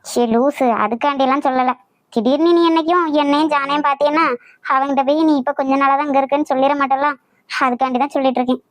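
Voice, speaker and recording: A woman voicing a sharp-tongued young cartoon woman. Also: sits high, steady tone, no room sound, lightly acted. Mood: teasing. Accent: Nagercoil Tamil. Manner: quick, scolding, teasing. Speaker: voice actor for an animated love story. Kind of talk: cartoon voice acting.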